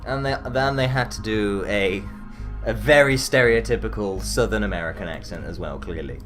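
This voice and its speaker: A man's voice: on the low side, normal speed, fairly bright tone, soft background music. A man giving rambling, profane, joking commentary as he plays a game. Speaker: let's play host. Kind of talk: gameplay commentary.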